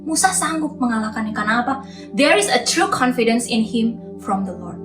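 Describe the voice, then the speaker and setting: A young woman preaches to a youth crowd in a bright, high voice, acting out little quoted lines. She sounds a bit far from the mic in an echoey room. Soft music plays underneath. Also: moderate pace. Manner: lively, mixes in English phrases, acts out quotes. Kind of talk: youth sermon.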